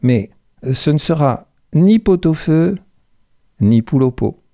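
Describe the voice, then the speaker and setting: A man reading aloud voices a cold, scheming female executive who taunts her rival in smug, deliberate tones. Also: on the high side, expressive, dark tone, no echo, clean studio sound.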